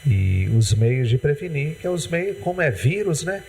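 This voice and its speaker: In a TV studio, a man with a Brazilian Portuguese accent hosts a community health segment, interviewing a guest with rambling, hesitant questions peppered with "né." His voice is a little high and sing-song, gravelly and slightly mellow, at a moderate pace. There's a little hiss or hum in the audio.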